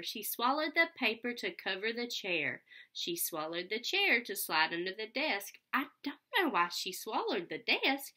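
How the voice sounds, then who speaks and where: A young adult woman with a mid-range, pushed, bright voice reads a picture book aloud to children, explaining things simply and asking her listeners questions. She is indoors in a small furnished room at home. Her computer webcam, about arm's length away, picks up the sound.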